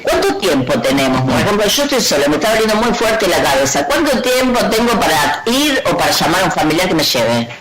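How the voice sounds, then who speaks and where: A woman's voice: on the low side, big pitch swings, brisk, hardly any pauses, echoey room, a loud crowd, poor audio. A woman radio host with an Argentine Rioplatense accent, asking practical follow-up questions in an interview.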